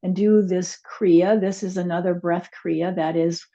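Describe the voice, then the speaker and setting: Gentle woman guiding a yoga class. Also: lowish voice, steady tone, highs cut off. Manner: gentle, unhurried cueing with soft asides. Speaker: chair yoga and meditation teacher. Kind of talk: guided yoga class instruction.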